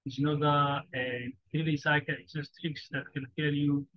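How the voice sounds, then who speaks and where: This man speaks a little high with a flat delivery, teaching forex informally in broken English that halts and circles back over the same phrases. He's a native Somali speaker, captured on a dry, somewhat dull lo-fi recording with no echo.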